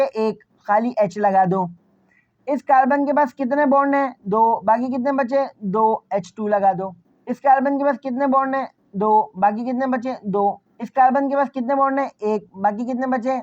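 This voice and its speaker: A man's voice: very high-pitched, normal speed, no room sound, lo-fi sound. A man teaching a chemistry lesson, asking questions and answering them himself, repeating key points and speaking straight to his students. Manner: repeats key phrases, addresses students directly. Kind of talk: classroom lecture.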